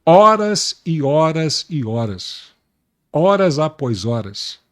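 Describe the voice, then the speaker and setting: A man with a somewhat high voice tells his faith testimony as a pastor in an interview. He speaks earnestly and takes his time. He stresses his points by repeating words. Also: big pitch swings. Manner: earnest, slow and emphatic, repeating words for weight.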